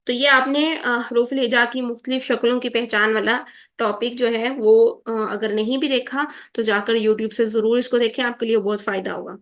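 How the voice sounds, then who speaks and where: A woman teaching Quran recitation in an online lesson, patiently drawing words out slowly to demonstrate and checking in with her students often. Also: a little high, steady tone. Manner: checks in often with "theek hai?".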